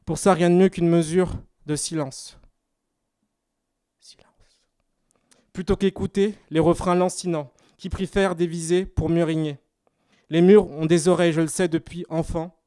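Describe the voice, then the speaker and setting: A man's voice: on the high side, level tone, normal speed, long pauses, mellow, clear, resonant tone, no room sound, clean studio sound. A man from Paris with a Parisian French accent, performing rhymed slam poetry at a live exhibition opening. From France, Paris. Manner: rhythmic rhymed spoken-word delivery. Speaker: slam poet.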